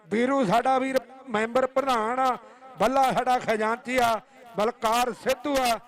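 A Punjabi-accented man works as live announcer at a kabaddi tournament. His voice is pitched very high for a man, and he declaims names and plays, often saying a phrase over again. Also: steady tone, a little slow, a bit bright. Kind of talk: live sports commentary and announcements.

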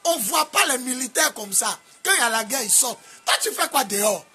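A man from Côte d'Ivoire with an Ivorian French accent, preaching a sermon in a sing-song cadence with sudden shouts. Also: extremely high pitch, lively intonation, fairly quick, soft background music. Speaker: apostle preacher.

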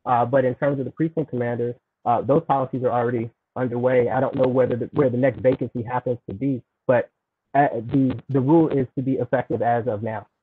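Man, husky voice, quick, hesitant, answering questions, phone-like video call audio. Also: mid-range voice, steady tone. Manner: hesitant, restarts often. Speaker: city official presenting. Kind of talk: answering questions at a public meeting.

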